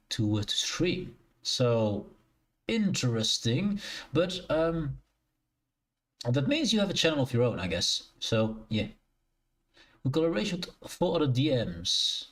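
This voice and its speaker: Lively Dutch man streaming. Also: mid-range voice. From Netherlands. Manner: rambling, self-correcting, answers chat. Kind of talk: casual live-stream chat. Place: shared living room, indoors.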